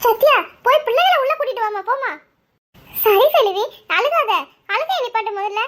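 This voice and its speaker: A woman's voice: very high voice, expressive, moderate pace. A woman voicing an older cartoon mother who scolds firmly and comforts her family. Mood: firm, comforting. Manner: firm, scolding yet comforting.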